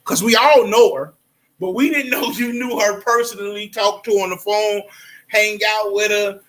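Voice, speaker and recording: A man co-hosting a casual gossip chat, slangy and quick to laugh, repeating his points. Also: sits high, steady tone, fairly bright tone.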